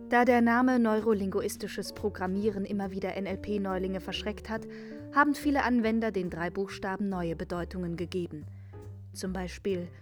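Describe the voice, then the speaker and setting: A woman calmly reading out a scripted explanation and then a fairy tale as narrator. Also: medium pitch. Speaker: narrator and teacher.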